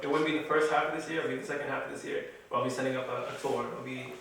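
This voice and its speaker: A man with a bright, forward voice jokes and banters as a guest comedian. He is picked up from a distance in a very echoey room with a little noise behind him. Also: mid-range voice, fairly even intonation, very fast. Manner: joking, bantering. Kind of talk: casual chat.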